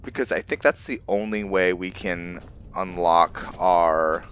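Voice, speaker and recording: This gaming host has a low, steady voice and a measured pace, his fairly bright tone clipped in the highs. He muses casually through his let's-play decisions while game music plays behind him.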